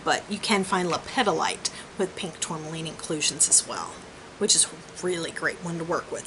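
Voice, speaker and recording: A crystal and chakra healer gives a casual, conversational personal reading, thinking aloud and drifting off into asides. Her voice sits on the low side and is a bit bright, and the rough recording carries clear background noise.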